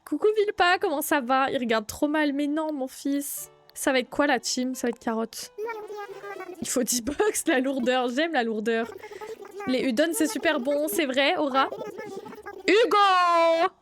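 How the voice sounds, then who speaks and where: A young woman streaming live, chatting casually with her viewers, greeting them by name and breaking into excited outbursts. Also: high-pitched, moderate pace, over music.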